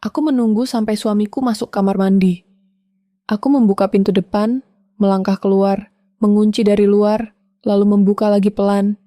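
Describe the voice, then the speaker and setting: A woman telling a first-person domestic drama in a calm, measured way, in short, clipped sentences. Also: medium pitch, dry recording, clean studio sound. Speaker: storyteller.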